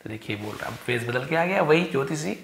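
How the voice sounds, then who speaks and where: A man teaching English grammar, reading a story's English lines slowly and explaining each word in Hindi. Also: mid-range voice, animated, vocal fry, a bit bright, echoey room.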